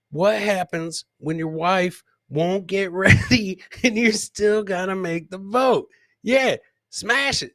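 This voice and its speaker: This comedy podcast host has a voice that sits high and sounds fairly bright, captured in a dry recording. He laughs a lot while casually reacting to funny clips, keeping things folksy and joking and repeating lines for effect.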